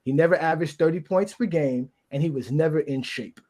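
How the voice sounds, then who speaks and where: A man hosting a casual sports debate show, talking fast and laughing often. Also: on the high side, warm tone. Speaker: sports talk show host.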